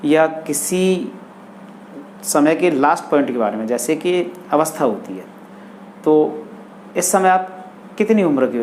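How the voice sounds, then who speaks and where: A man teaching English grammar in Hindi, speaking deliberately and repeating each example sentence. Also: fairly high pitch, darkish tone, slight background noise.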